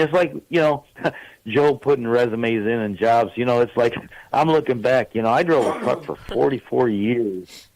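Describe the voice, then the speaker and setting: The recording is rough but echo-free as a medium-pitched man in his sixties calls a radio program. He chats casually and spins long, meandering stories loaded with filler words.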